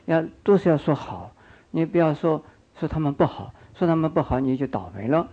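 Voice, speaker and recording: On a dull lo-fi recording, an elderly Buddhist teacher and monk sermonizes in an animated, fairly quick voice on the high side. He coaxes the listeners, asks them questions, and circles back to repeated phrases.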